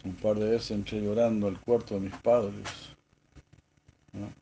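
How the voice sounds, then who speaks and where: A man, a spiritual teacher preaching a sermon, moving from soft asides to emphatic stressed words and clearing his throat often. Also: lowish voice, little pitch movement, measured pace, dull audio, a little hiss or hum.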